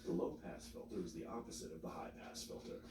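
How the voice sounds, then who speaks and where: A man giving scripted, step-by-step instruction in a measured, explanatory manner. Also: low voice, noisy background. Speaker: instructor, tutorial narrator. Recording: roomy, distant mic, music behind.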